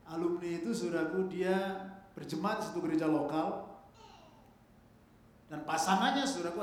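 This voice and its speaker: A man preaches to his congregation, rising to loud emphatic peaks and dropping to quiet asides. His voice sits somewhat high and rings through a very echoey church hall over a faint hum of background noise. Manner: swings between loud emphatic peaks and quiet asides, mixes English words. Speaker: pastor. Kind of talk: sermon.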